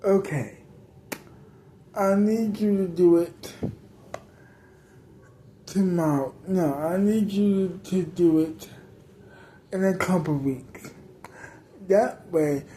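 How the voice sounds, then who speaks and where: Woman as a cruel crime-boss villain, low and unhurried, taunting. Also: a little hiss or hum. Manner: calm, taunting, menacing. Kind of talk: improvised storytelling.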